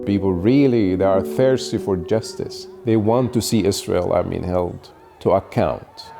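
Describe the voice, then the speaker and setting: A man from Gaza speaking earnestly in a documentary interview, often pausing with "I mean". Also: sits low, vocal fry. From Gaza, Palestine. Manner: earnest, with frequent "I mean" fillers. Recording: music bed under the voice.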